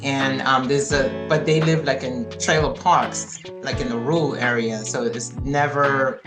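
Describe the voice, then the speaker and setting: A woman's voice: rumbling low, fairly even intonation, measured pace, reverberant, over music. A woman born in the Congo who grew up in New York, chatting casually and hesitantly, with many fillers. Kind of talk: casual chat.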